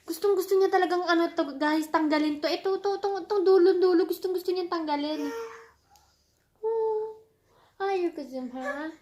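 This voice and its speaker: A woman's voice: very high-pitched, fairly quick, few pauses, a little mellow, roomy sound. A woman from the Philippines chatting casually in a home vlog, sometimes coaxing her child in a mommy tone. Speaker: vlogger and mother. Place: indoors at home, bedroom.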